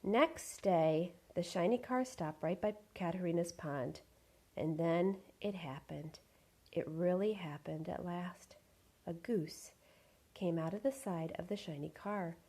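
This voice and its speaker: A woman reading a picture book aloud in an expressive, animated way. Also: on the low side, takes it slowly, slightly rough. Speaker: storyteller.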